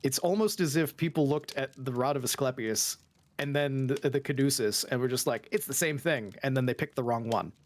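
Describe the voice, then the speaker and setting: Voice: mid-range voice, a little fast. A streamer playing a detective game who gets sidetracked and explains things at length in casual chat.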